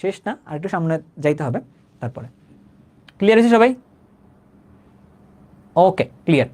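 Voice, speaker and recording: A man's voice: high-pitched, sing-song, a little mellow. A young man with a Bangladeshi Bengali accent teaching a live chemistry class, conversational, repeating points and checking that students understand. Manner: says he talks slowly, repeats himself.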